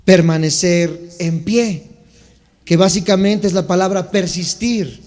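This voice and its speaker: A pastor preaches to his congregation, teaching the meaning of scripture words and asking listeners to answer back. His voice sits high for a man. The sound carries a long reverb from the church hall. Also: slow, a little mellow. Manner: teaching Bible words, asks congregation to respond. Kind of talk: sermon. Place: church sanctuary.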